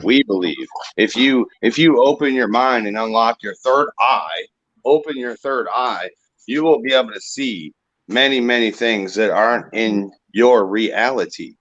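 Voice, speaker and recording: A man's voice: mid-range voice, unhurried, a bit bright, no room sound, highs cut off. A man from Ohio chatting casually on a group stream, swearing and preaching about belief and frequency. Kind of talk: casual chat.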